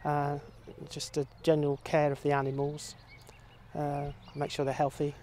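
Middle-aged man, monotone, halting, interview outdoors. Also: on the high side, a little hiss or hum. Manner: quiet, hesitant, many uhs. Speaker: farm volunteer. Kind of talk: interview answers. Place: outdoor field.

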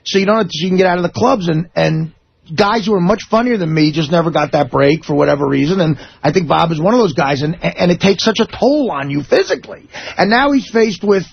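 Male comedian co-host, high gravelly husky voice, rambling delivery, dull radio sound. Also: animated, fast talker. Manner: rambling, restarts often. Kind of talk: talk radio banter. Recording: slightly dull radio broadcast.

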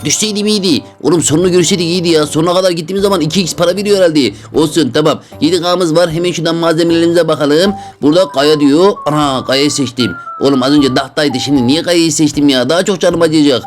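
A young gaming commentator who talks quickly to his viewers. His voice sits fairly high and jumps higher into excited yelps. Faint game music plays behind him. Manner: excitable, shouts high when falling. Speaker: gaming YouTuber. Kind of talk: Roblox gameplay commentary.

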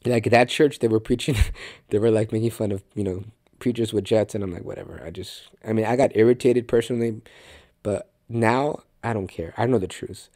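A man's voice: lowish voice, fairly even intonation, fairly quick, a little mellow, no echo, clean studio sound. A man hosting a faith podcast, teaching in an earnest, conversational way with frequent restarts and direct remarks to the listener. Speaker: podcast host and Bible teacher.

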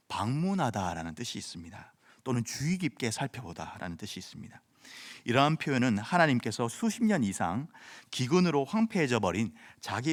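Male pastor, sermon delivery, animated intonation, measured explanatory tone. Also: mid-range voice. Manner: measured preaching, explaining scripture.

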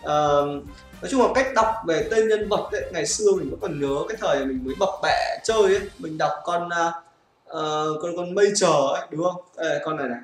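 Casting: male mobile-game YouTuber, slightly high voice, roomy echo with game music. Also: brisk. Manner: chatty, often asks "right, guys?". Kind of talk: casual gameplay commentary. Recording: echoey room with game music.

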